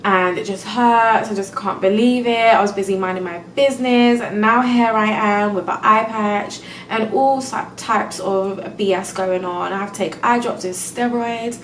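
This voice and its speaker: A woman's voice: mid-range voice, fairly even intonation, moderate pace, hardly any pauses, roomy sound, distant mic, slight background noise, low-quality recording. A young woman venting in a casual storytime vlog, exasperated and close to tears, full of "like" and "do you know what I mean". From England. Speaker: vlogger.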